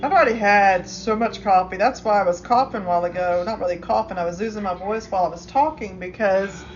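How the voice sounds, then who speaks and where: A woman's voice: mid-range voice, fast talker, muffled recording, faint music behind. A woman chatting casually on a phone live stream, rambling with many restarts. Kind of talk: casual chat.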